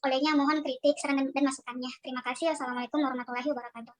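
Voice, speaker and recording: A woman's high voice, altered by a voice changer, races through a formal presentation. She explains like a teacher, signposting each section as she goes over a video call. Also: fairly even intonation, very fast, a little hiss or hum. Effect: voice changer, digitally disguised voice. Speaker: teacher presenting a project proposal.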